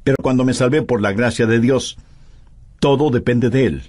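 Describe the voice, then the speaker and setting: A man's voice: medium pitch, normal speed, darkish tone. A man preaching a sermon in a voice-over, emphatic and full of pointed rhetorical questions.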